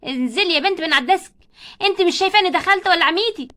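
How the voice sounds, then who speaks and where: A strict schoolteacher with an Egyptian Arabic accent barks orders at her class, as a woman acts her out. She is loud and bossy, with a very high voice and rapid-fire delivery. It comes from a homemade doll story. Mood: scolding. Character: strict, shouting female schoolteacher.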